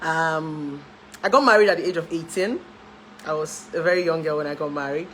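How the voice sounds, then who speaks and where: A woman's voice: low-pitched, fairly quick, fairly bright tone, slight background noise, low-quality recording. A woman in her thirties with a Nigerian accent, a relationship therapist chatting to her followers about her life, laughing often and dropping into pidgin. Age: 30s. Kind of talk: casual chat to camera.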